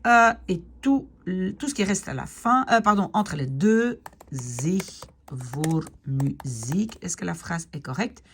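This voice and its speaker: A woman teaching a grammar lesson step by step, checking in often with her students, slowing down to spell out words and giving encouragement. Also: medium pitch, very animated, fairly bright tone. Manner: slows down to spell out Dutch words. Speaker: Dutch teacher.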